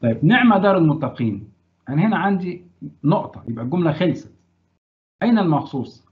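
A man's voice: on the high side, sing-song, fast. A man with an Egyptian accent teaching a grammar lesson, quizzing his students and praising their answers. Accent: Egyptian Arabic. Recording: tinny phone-like sound.

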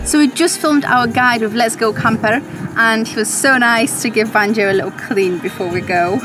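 A young woman from Poland chatting excitedly on a road-trip vlog, filmed on a handheld camera at arm's length. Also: on the high side, normal speed. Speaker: travel vlogger. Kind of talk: casual travel vlog chat. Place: outdoors and in a campervan. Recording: music playing behind.

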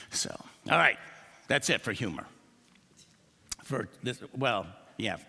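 Animated older pastor in a reverberant church. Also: male voice, medium pitch, takes it slowly, creaky, long pauses, husky. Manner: joking, animated storytelling. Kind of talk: sermon. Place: church sanctuary.

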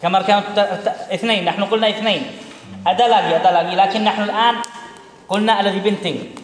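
A man's voice: high voice, steady tone, rapid-fire, a little hiss or hum. A man teaching Quran recitation in a classroom, drilling his students with repeated questions. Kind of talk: classroom instruction. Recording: echoey room with long reverb.

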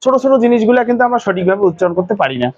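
A man teaching an English pronunciation lesson to a class, quizzing students with quick questions. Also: sits high, expressive, a little mellow, dull audio.

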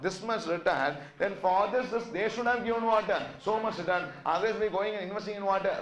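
Male lecturer, Tamil accent, fairly high voice, question-driven classroom delivery, roomy echoing recording. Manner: quizzing, repeatedly asking questions and checking understanding. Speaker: finance lecturer. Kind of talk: interactive classroom teaching. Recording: echoey classroom sound.

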